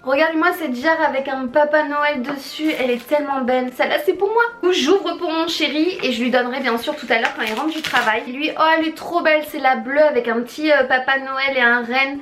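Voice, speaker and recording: A woman's voice: high-pitched, a little fast, hardly any pauses, fairly bright tone, slight background noise. A young woman vlogging as she unboxes gifts, gushing and exclaiming to her viewers and to the friend who sent them. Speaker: beauty vlogger. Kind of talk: excited unboxing chat.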